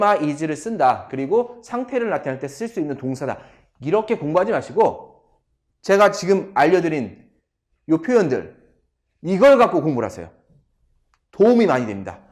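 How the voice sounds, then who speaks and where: In this English grammar lesson, the man teaching addresses his viewers head-on and works through sentences at a slow, drilling pace. He speaks without hurry in a somewhat high voice full of lively intonation.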